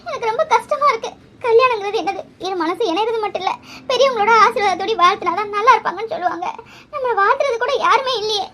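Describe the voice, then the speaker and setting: A woman's voice: very high voice, fast, pushed and bright, a little hiss or hum. A woman voicing a young bride in a cartoon, crying as she speaks. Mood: tearful. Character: young tearful bride, sad and devout. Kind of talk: cartoon voice acting.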